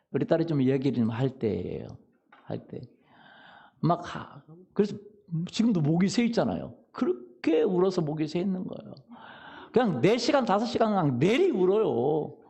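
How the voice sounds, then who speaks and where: Lively gravelly-voiced male pastor preaching. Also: on the high side. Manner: humorous storytelling, asks the congregation questions. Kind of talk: sermon. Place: church sanctuary.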